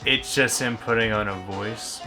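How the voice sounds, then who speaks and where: A man's voice: mid-range voice, steady tone, moderate pace. A man chatting casually as host of a film reaction, giving commentary. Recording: music in the background.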